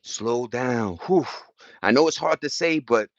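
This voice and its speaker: A livestream host with an American accent reads and answers viewer chat in a medium-pitched, animated voice with vocal fry, speaking at a measured pace. The recording is dry and lo-fi, and he rambles passionately and emphatically in slangy street talk.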